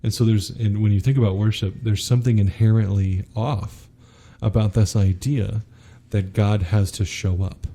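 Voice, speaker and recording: Low-voiced male guest, earnest and preachy. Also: steady tone, moderate pace, mellow. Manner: earnest, preacher-like, quotes scripture. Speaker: podcast guest. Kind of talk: spiritual teaching in conversation.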